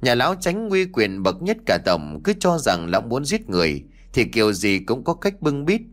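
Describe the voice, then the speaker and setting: A male storyteller reading an audiobook. His delivery is expressive and lively, rising and falling freely in pitch as the tale unfolds. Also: moderate pace. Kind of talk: audiobook narration.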